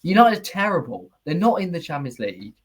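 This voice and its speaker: A man's voice: on the high side, big pitch swings, brisk, husky. A man co-hosting a casual football fan podcast, blunt and opinionated, his voice breaking up and cutting out over a lagging internet call. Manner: blunt, opinionated, swears freely. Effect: glitchy, breaking-up online call audio. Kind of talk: casual chat. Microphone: video call.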